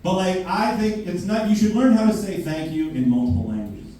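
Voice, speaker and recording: A man's voice: sits high, expressive, fairly quick, warm tone. A man doing a stand-up comedy set, ranting in a brash, profane manner. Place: basement club room with a live audience. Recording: very echoey basement, mic far off, faint hiss.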